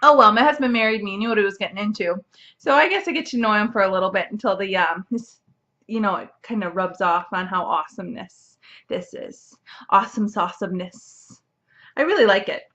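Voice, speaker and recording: A woman's voice: medium pitch, brisk, sharp tone, lo-fi sound. A young woman hosting a casual knitting podcast, chatty and bubbly, with lots of fillers and restarts. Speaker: podcast host. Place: home, seated at a computer.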